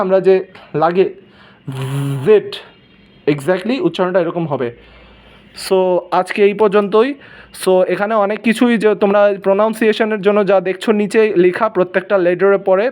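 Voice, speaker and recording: A man with a notably high voice teaches the English alphabet in a relaxed, casual tone. He slows down and stretches out each sound as he demonstrates how it should be said. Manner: slow, drawn-out demonstration of sounds. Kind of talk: casual spoken lesson.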